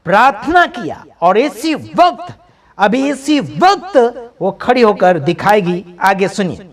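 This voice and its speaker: A man's voice: high voice, big pitch swings, slow. A man giving emphatic, preaching-style commentary over video clips, repeating phrases for stress. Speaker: video commentator for a healing ministry.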